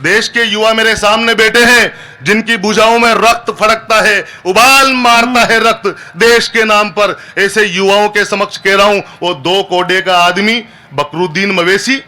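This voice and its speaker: High bright-voiced comic poet. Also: male voice, steady tone, measured pace. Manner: chatty, keeps asking the crowd "haan?". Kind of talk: live stand-up poetry recital. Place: outdoor festival stage.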